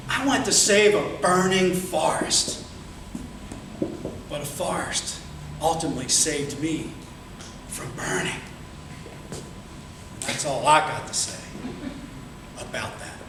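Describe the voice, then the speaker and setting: A man telling a folksy, comic tall tale to a live audience in a theatrical manner with dramatic pauses. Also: fairly high pitch. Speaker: contestant in a tall tales speech contest. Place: indoor room with a live audience. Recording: echoey, noisy room, distant mic.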